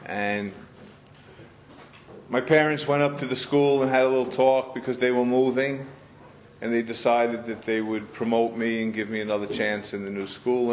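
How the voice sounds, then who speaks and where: A man's voice: mid-range voice, a little hiss or hum. Earnest New man sharing his story. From Queens, New York. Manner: earnest and heartfelt, with frequent restarts. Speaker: speaker sharing his story at a recovery meeting. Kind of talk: personal testimony to a group. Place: meeting room in front of a group. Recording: dull lo-fi sound.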